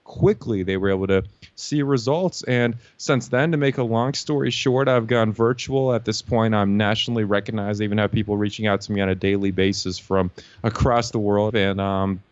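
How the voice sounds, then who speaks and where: A man's voice: fairly low pitch, normal speed, dry recording, dull audio. A young man from Lithuania, a guest telling his story in a casual interview, confident and fluent with frequent "you know.". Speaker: guest, LinkedIn marketing consultant.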